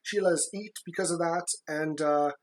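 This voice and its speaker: A woman with a low-pitched voice talks casually as a podcast co-host. She speaks in a halting way, doubling back on words as she chats. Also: a little hiss or hum.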